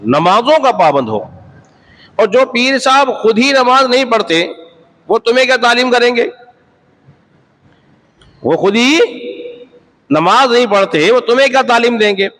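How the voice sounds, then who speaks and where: Guy with a pretty high voice giving a sermon, keeps stressing points, repeats himself, throws questions at the crowd. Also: fairly bright tone, slight background noise, low-quality recording. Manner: emphatic, repetitive, asks rhetorical questions. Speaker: Islamic preacher. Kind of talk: sermon lecture.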